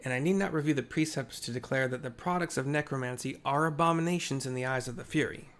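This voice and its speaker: A man's voice: medium pitch, quick pace, fairly bright tone, lightly acted. A man voicing a haughty inquisitor from a fantasy game, speaking formally and pompously. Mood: stern, dismissive. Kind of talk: game dialogue read aloud.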